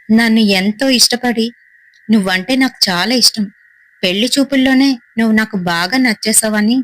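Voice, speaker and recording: A woman's voice: mid-range voice, no room sound, lightly acted, poor audio. A woman voicing a wronged young wife and mother who speaks in a bitter, heartfelt, resolute way. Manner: bitter, heartfelt first-person telling.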